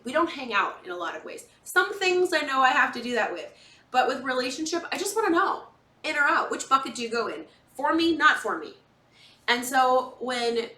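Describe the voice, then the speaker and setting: A fortysomething podcast and video host with a somewhat high, sharp voice talks casually and candidly to her viewers. In an emphatic, confessional monologue she acts out her own inner dialogue. The room echoes and the mic sits at a distance.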